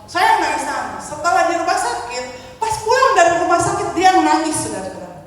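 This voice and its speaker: Middle-aged woman preacher, high voice, animated storytelling sermon, recorded from afar in a very echoey church hall. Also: fairly quick. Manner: animated storytelling, acts out quoted voices, laughs often. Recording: very echoey hall, from far off, faint ambience.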